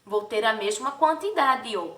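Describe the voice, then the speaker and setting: A woman teaching young children a lesson, drawing words out slowly and asking the class sing-song questions. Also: fairly high pitch, animated, heavy background noise. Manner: slow, drawn-out syllables for children. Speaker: primary school teacher. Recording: echoey room, distant from mic.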